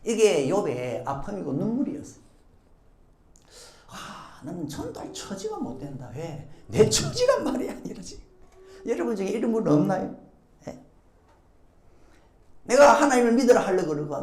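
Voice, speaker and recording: A woman pastor delivers a sermon with lively, widely swinging pitch. She tells her story dramatically, slipping into the voices of the people in it. Her voice rings out in an echoey church sanctuary. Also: a little fast. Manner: animated storytelling, acting out quoted voices.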